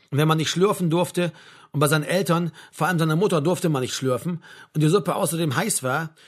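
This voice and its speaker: A man narrating a novel aloud in a measured, wry storytelling manner. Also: on the high side. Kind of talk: audiobook reading of a novel.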